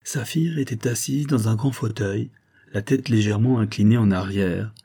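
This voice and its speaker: A man narrating a novel as a measured, steady audiobook reading. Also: lowish voice, slightly rough.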